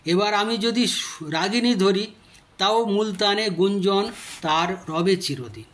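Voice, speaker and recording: Male teacher, high-pitched, unhurried explainer who drags out key words and recites poetry as examples. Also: fairly bright tone. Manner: slow, deliberate explaining that stretches out key words. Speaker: teacher explaining Bengali grammar. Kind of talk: slow explanatory lesson with recited verse.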